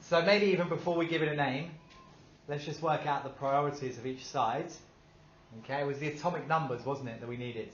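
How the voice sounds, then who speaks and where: A male teacher, upbeat and fairly quick, runs a classroom lesson, quizzing the class and praising their answers in a voice a little high for a man. The echoey room makes the sound dull and slightly muffled, with faint noise in the background.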